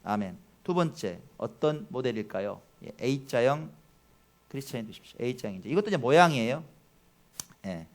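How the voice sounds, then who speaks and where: A man preaching a Sunday sermon as pastor, who often asks the congregation questions and swings between loud declarations and low asides. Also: lively intonation, a little slow.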